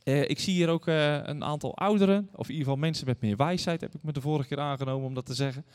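Smooth and a little high, this man talks fast as he preaches to the congregation as a guest preacher. In his thirties or forties, he earnestly reads scripture and tells stories directly to those gathered, with long church reverb from the hall around him.

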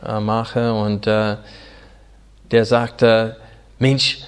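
A pastor in his forties from Arkansas, with an American accent and English as his first language, preaching in earnest, halting German full of fillers. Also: fairly low pitch, level tone, smooth. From Arkansas, USA. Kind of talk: sermon.

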